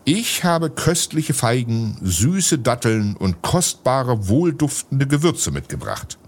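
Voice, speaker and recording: A man voicing a stately, ceremonious male gentleman in a storybook, speaking slowly and festively. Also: mid-range voice, very animated, pitched above the performer's own voice, exaggerated voice. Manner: slow, festive speech.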